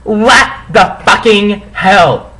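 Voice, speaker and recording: A man's voice: high voice, very slow, bright, forceful tone, pitched above the performer's own voice, exaggerated voice. A man voicing a melodramatic, hot-tempered teenage goth girl in a story reading, hammy and shrieking. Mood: outraged.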